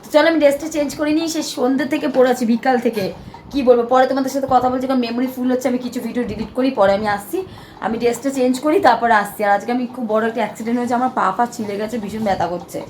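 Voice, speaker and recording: A young woman with a hoarse voice, chatting to her viewers in a rambling vlog. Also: a little high, fairly even intonation, rapid-fire, darkish tone, slight background noise. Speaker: vlogger. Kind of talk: casual vlog narration to camera.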